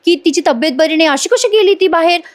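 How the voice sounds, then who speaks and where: A woman's voice: very high-pitched, fast talker, voice pushed up. A woman voicing an anxious young husband who is a lawyer, asking urgent, worried questions.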